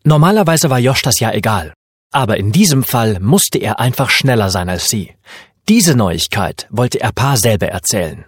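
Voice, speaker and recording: Male audiobook narrator, husky, animated delivery, dry close recording. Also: on the low side, normal speed, dry recording. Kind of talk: audiobook narration of a children's story.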